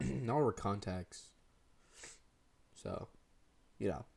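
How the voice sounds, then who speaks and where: A man's voice: fairly low pitch, lively intonation, takes it slowly, creaky, a little mellow, husky. A teenage boy co-hosting a podcast, telling rambling stories with lots of laughs and "dude". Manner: rambling, laughs often, says dude a lot. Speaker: podcast co-host. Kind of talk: casual chat.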